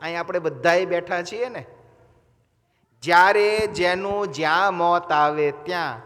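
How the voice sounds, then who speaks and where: A man's voice: high voice, measured pace, a bit bright. A man preaching a sermon, telling a story with dramatic dialogue. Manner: dramatic storytelling, voices mother and son in dialogue. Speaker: swami preacher. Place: temple hall. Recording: long reverb of a large hall.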